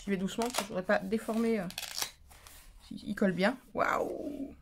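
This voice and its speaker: Opening a parcel on her crafting channel's casual unboxing vlog, a woman gushes excitedly to her viewers and keeps repeating herself. Her voice is mid-range and fairly quick, with slight background noise in the recording.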